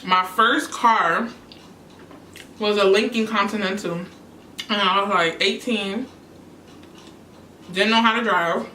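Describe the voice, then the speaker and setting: A young woman from New York, a YouTuber, chats casually on her mukbang show and answers questions between bites. Her medium-pitched voice is slow, pushed and bright, with long pauses and a faint hiss or hum. The mic sits at a distance in an echoey room.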